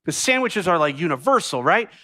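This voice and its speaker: This American pastor, in his thirties, has a high and bright voice and speaks fairly quickly. Lively and direct with the room, he tells the congregation a personal story laced with jokes and asides before turning to his teaching.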